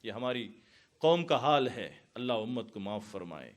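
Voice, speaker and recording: A man's voice: medium pitch, sing-song. A man from India preaching a storytelling sermon to a gathered audience, building to impassioned climaxes. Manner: dramatic, rising to impassioned climaxes.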